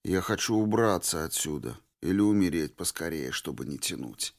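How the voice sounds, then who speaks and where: Brief: man doing a worn-out deserter, low voice, curt and grim. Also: moderate pace, creaky. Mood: weary. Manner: tired, flat and curt. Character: weary, grim male deserter from the zone.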